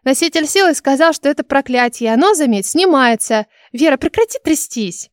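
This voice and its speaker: For an audiobook, a woman voices a cheerful young noblewoman in a high, bright pitch, teasing and pressing with theatrical, insistent flair. Her delivery is animated at a moderate pace, and the recording is close and dry.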